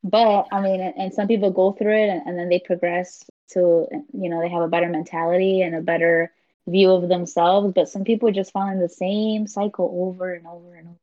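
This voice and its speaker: A woman's voice: on the low side, level tone, fairly quick, mellow. A woman co-hosting a podcast, chatty and explaining things at length in a casual way. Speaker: podcast co-host. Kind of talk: casual chat. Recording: dull lo-fi audio.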